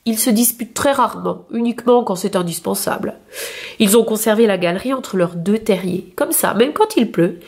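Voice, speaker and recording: A woman reading a picture book aloud for young children with clear, expressive storytelling. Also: mid-range voice, normal speed.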